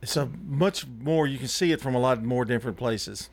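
A man's voice: mid-range voice, normal speed, no room sound. A man, chatting and joking as a co-host on a morning radio show, speaking into a studio microphone. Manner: jokey, chatty sidekick. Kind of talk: casual radio banter.

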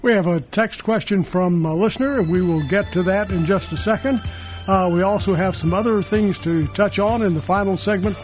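A man's voice: sits high, normal speed, darkish tone, faint music behind, poor audio. A man hosting a live local radio show in a conversational way.

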